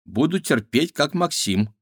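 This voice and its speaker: A man's voice: very animated, measured pace, breathy edge, dry recording, studio quality, exaggerated voice. A man voicing a jumpy, indignant young girl in a storybook. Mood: stubborn. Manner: shrill, indignant.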